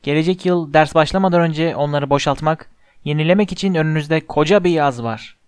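A man voicing a cheerful elderly headmaster wizard who speaks slowly and grandly to a hall of students. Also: fairly high pitch, darkish tone, clean tone, natural voice. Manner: cheerful, slow and grand speech.

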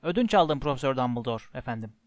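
A man voicing a huge, gentle giant who is deferential and stammers when upset. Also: mid-range voice, animated, quick pace, dry recording, natural voice. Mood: respectful.

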